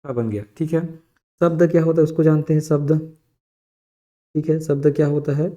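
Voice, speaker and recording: A man's voice: a little high, moderate pace, mellow. A young adult male teacher giving an exam-prep grammar lesson. He repeats key phrases word by word and keeps checking in with his students.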